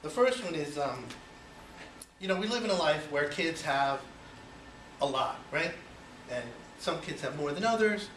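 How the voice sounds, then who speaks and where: A man's voice: a little high, lively intonation, a little slow, a bit bright. Cuban-born guy in his 40s giving a speech, lots of you knows, distant mic, noisy roomy sound. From Cuba. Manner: conversational, many you-knows, rhetorical questions. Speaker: speaker giving an icebreaker speech. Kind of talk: personal speech to an audience. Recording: echoey room, voice from far off, noisy.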